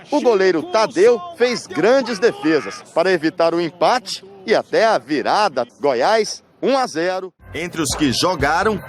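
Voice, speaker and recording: A Brazilian man reading scripted football highlights narration.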